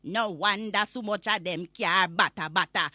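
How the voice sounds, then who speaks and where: A woman's voice: medium pitch, moderate pace, sharp tone, no room sound, clean studio sound, close to an everyday voice. A woman playing a cantankerous old Jamaican granny, ranting comically in patois with indignant, emphatic scolding. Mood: grumbling, exasperated. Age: older. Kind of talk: comic rant monologue in patois.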